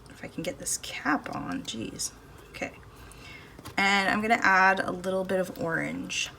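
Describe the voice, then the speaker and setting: A woman with a mid-range, gravelly, sharp-toned voice speaks a little slowly as she hosts a casual painting video, musing aloud at her table. She's filmed indoors in her home studio by a phone above the table with no external mic, and faint street and household noise can be heard.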